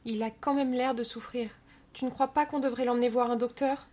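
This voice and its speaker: A fussing, anxious grandmother, as a woman plays her. Her voice is pitched high and keeps asking what is wrong. She sounds like a kindly older woman in a read-aloud storybook. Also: steady tone, a little fast, warm tone, lightly acted. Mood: worried.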